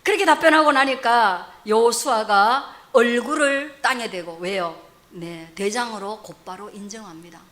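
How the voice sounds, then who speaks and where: A woman pastor preaching a sermon, asking rhetorical questions, rising loud and dropping to soft asides. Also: a little high, normal speed.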